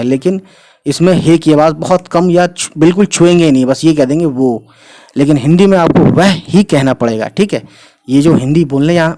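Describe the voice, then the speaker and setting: An Urdu teacher with a slightly mellow voice on the high side patiently teaches spelling in a spoken lesson for Hindi speakers. He keeps adding "thik hai" and "you know" as he explains.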